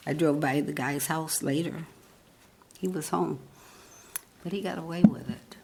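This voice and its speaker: A woman in her eighties, speaking at a council meeting's public comment, halting and earnest as she searches for words. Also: low-pitched, mellow, slightly rough. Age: 80s. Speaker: resident giving public comment. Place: council chamber podium.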